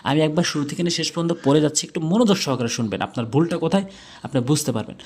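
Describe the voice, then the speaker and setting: A man teaching Quran recitation, spelling out Arabic letters syllable by syllable and reciting verses in a drawn-out chant. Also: fairly high pitch, a little mellow, slightly rough. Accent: Bangladeshi Bengali. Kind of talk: tajweed lesson with chanted recitation.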